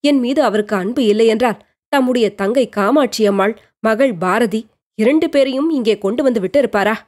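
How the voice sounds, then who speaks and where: A woman's voice: on the high side, normal speed, a little mellow, lightly acted. A woman voicing a lovesick bedridden young woman. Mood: brooding. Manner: anxious inner monologue, questioning herself.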